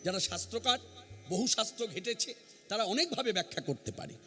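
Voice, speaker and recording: High-voiced, lively man preaching. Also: a little fast. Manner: earnest, emphatic, repeats key phrases. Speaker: kirtan singer and preacher. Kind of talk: devotional sermon at a gathering. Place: standing before an assembly.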